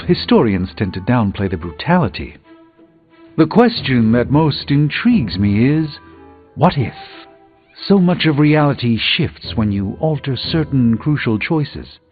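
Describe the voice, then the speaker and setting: A male actor with a mid-range voice plays a proud, learned sorcerer superhero of middle age in a video game, sounding reflective. His lines come out formal, pompous and erudite, and the audio is narrow and tinny.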